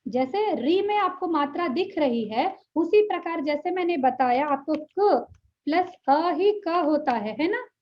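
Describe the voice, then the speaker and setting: A woman teaching a language class online. She talks earnestly, checks in often with her students and draws out sounds slowly to show how they are said. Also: high voice, animated, muffled recording. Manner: earnest, checks in often with "ठीक है", drawn-out pronunciation demonstrations. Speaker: Sanskrit teacher.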